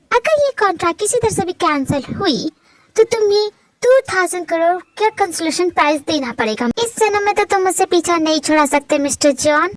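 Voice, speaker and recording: A woman voices a scheming young widow out for revenge in a dubbed story drama. She taunts in a cool, controlled way, with a very high voice. The sound is dry and close. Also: dry recording, low-quality recording.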